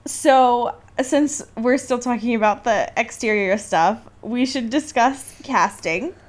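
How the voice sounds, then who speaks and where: A woman co-hosting a casual film podcast speaks slowly in a slightly high voice. Her chat is informal and explanatory, sprinkled with some swearing.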